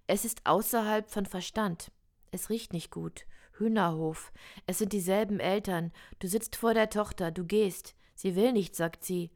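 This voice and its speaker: A woman reciting experimental prose poetry in a slow, measured, deliberate way. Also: mid-range voice, darkish tone.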